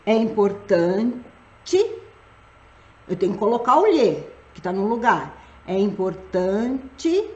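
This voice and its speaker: A Portuguese teacher preparing students for civil service exams gives a live online grammar lesson from a room at home. Her mid-range, darkish voice has its highs cut off and carries a roomy echo. She explains slowly and keeps checking that students follow, saying "tá?" and "gente."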